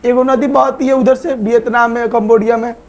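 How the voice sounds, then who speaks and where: A man's voice: very high-pitched, level tone, normal speed. A man teaching an online exam-prep history lesson, who keeps asking questions and answering them himself. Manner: asks viewers to like and subscribe.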